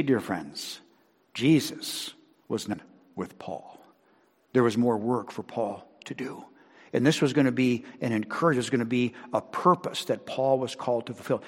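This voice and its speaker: A man preaching a sermon as pastor, emphatic and rising loud on key phrases, addressing the congregation as dear friends. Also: medium pitch, big-room sound. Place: church sanctuary.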